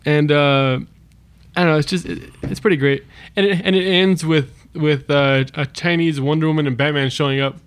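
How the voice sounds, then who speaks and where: A man co-hosting a casual podcast chat, telling things in a halting, excited, giggly way. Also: fairly high pitch, smooth. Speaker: podcast co-host. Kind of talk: casual chat about comic books.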